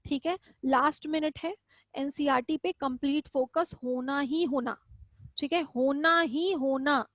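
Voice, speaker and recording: A woman's voice: high-pitched, fairly even intonation, measured pace, dry recording. A woman teaching zoology in a live online class, chatty and affectionate, often repeating questions back to her students. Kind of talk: live online class, casual Hindi lecturing.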